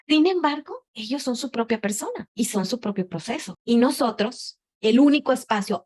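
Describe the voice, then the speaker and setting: Brief: woman, motivational group talk, animated, keeps asking rhetorical questions. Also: mid-range voice. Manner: rhetorical questions, acts out quoted voices; expressive, animated delivery. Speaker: conversation facilitator.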